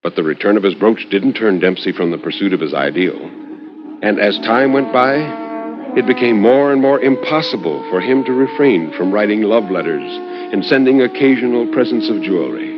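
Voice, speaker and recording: On a dull vintage recording, a man narrates a short story for a radio horror anthology in the manner of a 1950s radio storyteller. His measured, literary phrasing carries wide, expressive pitch movement, and he draws out words and leaves dramatic pauses. The delivery is expressive, with music playing in the background.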